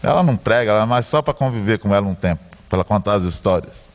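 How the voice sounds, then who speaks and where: Low-voiced Brazilian pastor telling a story. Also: male voice, expressive, fast talker. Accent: Brazilian Portuguese. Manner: storytelling with joking asides. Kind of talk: sermon.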